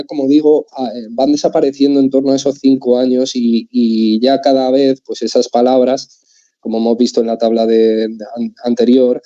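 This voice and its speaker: Spanish man, speech therapist, low mellow voice, explains patiently and checks in with listeners, muffled lo-fi sound. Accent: Spain Spanish. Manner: explanatory, often checks in with a tag question. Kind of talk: talk for parents. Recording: dull muffled lo-fi audio.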